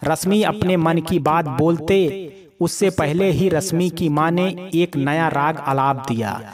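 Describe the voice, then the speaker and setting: A man's voice: a little high, unhurried. Man narrating a family drama. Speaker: storyteller.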